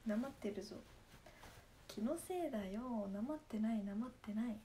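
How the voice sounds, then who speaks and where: A woman's voice: a little high, normal speed, mellow, slight background noise. Chatty young woman with Nagasaki dialect. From Japan, Nagasaki. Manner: chatty, playful, laughs often, answers viewer comments. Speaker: idol livestreamer. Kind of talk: casual livestream chat.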